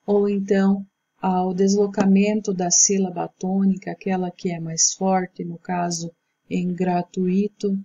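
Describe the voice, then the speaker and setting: Woman, teacher, patient explaining, husky, mellow tone. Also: on the low side, little pitch movement, dull audio. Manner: slow, patient explaining with slides. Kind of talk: recorded Portuguese grammar lesson.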